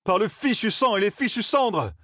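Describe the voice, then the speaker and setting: A man's voice: on the high side, expressive, brisk, no room sound, clean studio sound, voice pushed up. A man reading an audiobook, voicing a brash young man who curses and grumbles sarcastically. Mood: indignant. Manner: gruff, cursing, sarcastic.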